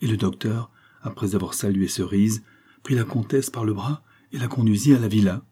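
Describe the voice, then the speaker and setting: A man narrating an audiobook novel in a steady, even storytelling manner. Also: on the low side, normal speed, husky. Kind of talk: scripted narration.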